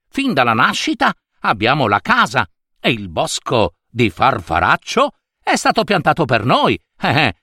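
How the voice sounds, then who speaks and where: A man's voice: a little high, no room sound, clean studio sound, exaggerated voice. A man voicing an eager, impulsive older mother snail in a storybook reading. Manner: excited, wistful.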